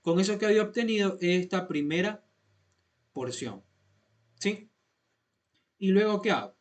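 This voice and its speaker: Speaking a little slowly in a voice that sits high, a programming instructor takes students through code one step at a time. He patiently says each point again and keeps making sure they understand, in a classroom-lesson tone.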